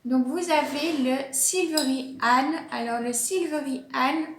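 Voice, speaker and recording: High-pitched woman chatting slow about her plants at home, lots of ums, echoey room. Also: background noise. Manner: chatty, hesitant with many fillers. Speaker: plant channel host. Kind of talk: casual explanatory vlog.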